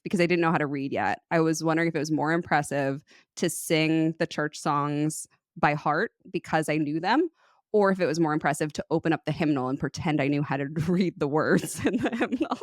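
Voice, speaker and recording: Low-voiced woman telling stories, laughing. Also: moderate pace, no echo, clean studio sound. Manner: animated storyteller, laughs often. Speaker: podcast co-host. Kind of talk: casual conversation.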